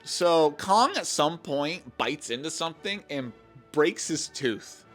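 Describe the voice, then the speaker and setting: A man's voice: a little high, expressive, slow, a bit bright, faint music behind. A man giving a ranting movie review vlog, exasperated and sarcastic, with swearing.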